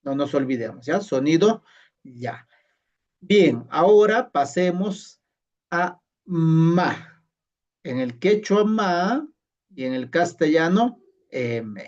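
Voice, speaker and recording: A man teaching a language class, slowly and patiently repeating sounds and checking that his colleagues follow. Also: on the high side, lively intonation, darkish tone, recorded from a distance. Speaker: Quechua teacher. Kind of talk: classroom lesson. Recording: muffled sound from away from the mic.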